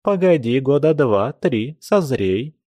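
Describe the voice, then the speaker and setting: A man's voice: sing-song, slow pace, dark tone, no echo. A man reading an audiobook, voicing a stern, fussing old grandmother who scolds. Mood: scolding. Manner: scolding, raised higher voice.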